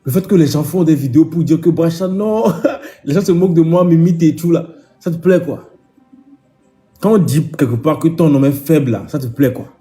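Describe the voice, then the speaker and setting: A man's voice: fairly high pitch, fairly quick, dark tone, faint music behind. A man talking to camera in a casual vlog, scolding with indignant repetition. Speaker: vlogger.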